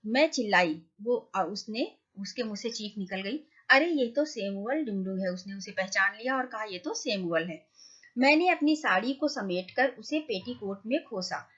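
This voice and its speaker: A woman's voice: mid-range voice, expressive, normal speed, highs cut off. A woman teacher reading a story to children and stopping to explain each line with questions to the class.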